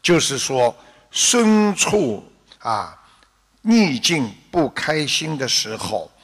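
Slow gravelly man giving a sermon. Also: mid-range voice, a bit bright, long reverb tail. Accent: Shanghainese-accented Mandarin. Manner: deliberate, unhurried, instructive. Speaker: Buddhist teacher giving a dharma talk. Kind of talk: slow measured sermon with parable. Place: hall at a Dharma assembly.

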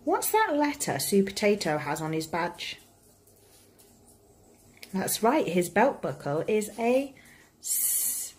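A woman, a primary school teacher, reading a picture book aloud to children in an expressive, engaging way. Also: mid-range voice, slow pace, pauses often, slightly rough.

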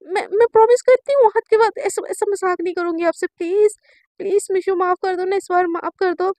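Woman doing a shrill, flustered lovestruck girl. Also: steady tone, measured pace, a little mellow, dry recording, clean studio sound. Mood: begging. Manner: high, shrill, pleading and scolding herself. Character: flustered lovestruck young woman, impulsive and self-scolding.

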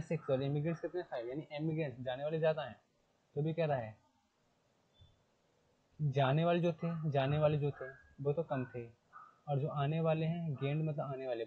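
A man's voice: a little high, breathy edge. A male teacher explaining a lesson, repeating key terms and asking his students questions before answering them himself. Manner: reads English text slowly before explaining. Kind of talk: classroom lecture in Hindi mixed with English. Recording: phone-like lo-fi sound.

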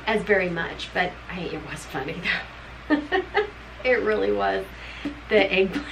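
Talking with her co-host on camera from a room at home, a middle-aged book club co-host gives a rambling, chatty review of a novel, looping back on her ideas and laughing frequently. Her medium-pitched voice swings widely in pitch, moves a little slowly and has vocal fry. The recording is rough, with a little hiss or hum.

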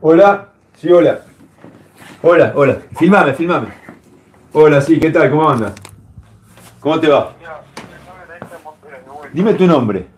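A man's voice: on the high side, expressive, slow pace, pauses often. A man hosting a heated live-stream call-in, badgering callers with repeated insults. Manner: insulting, repetitive, badgering shouts. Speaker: streamer taking calls.

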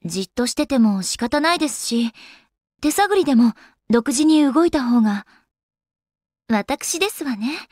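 In studio-quality, dry audio, a woman voices an elegant young goddess for a Japanese video game, a refined lady who is also an avid gamer. Her high, lively voice has a darkish tone, moves a little slowly with long pauses, and stays polite, ladylike and composed.

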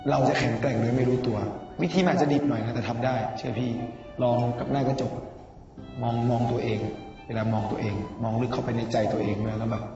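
A man's voice: medium pitch, fairly even intonation, fast. Young man teasing in a roomy room. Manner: teasing, big-brotherly advice. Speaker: departing contestant. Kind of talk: casual farewell message. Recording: roomy, distant, muffled with music. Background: music.

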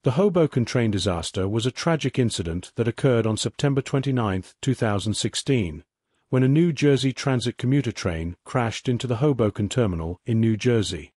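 Male narrator, even documentary read, mid voice, dead-dry booth sound. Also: mid-range voice, a little fast, breathy edge, no room sound. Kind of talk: scripted narration.

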